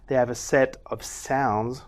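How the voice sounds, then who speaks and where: A man whose first language is not English, teaching language learners in a casual spoken lesson and drawing out sounds slowly to demonstrate them. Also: mid-range voice, fairly even intonation, darkish tone. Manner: demonstrates sounds in several accents, stretches words slowly.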